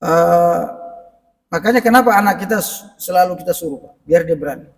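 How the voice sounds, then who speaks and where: Speaking fairly quickly, a middle-aged man with a high voice delivers a mosque lecture on parenting in a relaxed, conversational style, often turning to speak straight to the congregation. He sounds distant from the microphone, and the hall's echo trails long after his words.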